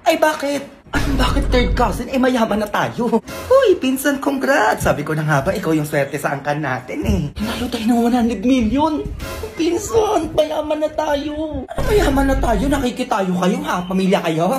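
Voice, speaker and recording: A woman performing comic family skits, switching quickly between bickering characters. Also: a little high, expressive, music in the background. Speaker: comedy sketch creator.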